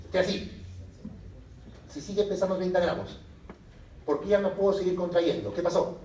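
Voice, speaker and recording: A man gives a medical lecture, voice a little high and lively. He keeps asking the class questions and answering them himself. The sound is roomy and picked up from across the classroom. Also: moderate pace, slight background noise. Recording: echoey room from a distance.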